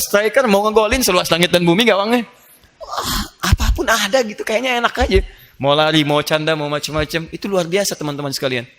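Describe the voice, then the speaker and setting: A man preaching a lively sermon, playful and animated, joking with the audience and acting out little scenes. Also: mid-range voice. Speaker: Islamic preacher.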